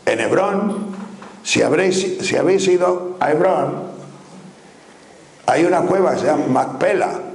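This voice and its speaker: An older man from Spain preaching a sermon in a lively, questioning way, speaking to his listeners as brothers. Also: fairly high pitch, vocal fry. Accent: Spanish from Spain. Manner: animated, rhetorical questions, addresses listeners as brothers. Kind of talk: spoken sermon. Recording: echoey room with faint background noise.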